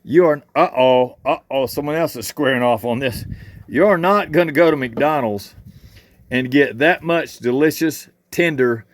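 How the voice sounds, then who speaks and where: A man's voice: medium pitch, measured pace. A man hosting a casual cooking vlog at an outdoor cook shack, talking in a folksy, chatty way and thinking aloud as he works while holding the camera himself. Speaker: home cook and channel host. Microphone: handheld camera.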